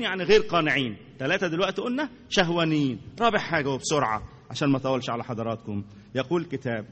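A man with an Egyptian accent preaching a sermon to a congregation, animated, repeating words for emphasis and asking his listeners questions. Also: a little high, in a large hall, lo-fi sound. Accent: Egyptian Arabic.

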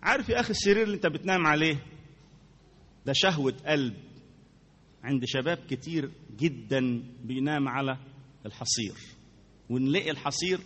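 A man with an Egyptian accent preaches a sermon. His voice is high and bright, and he stays animated, repeating words for emphasis and putting questions to his listeners. A long reverb from the hall hangs on his words. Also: brisk, long pauses, breathy edge. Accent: Egyptian Arabic.

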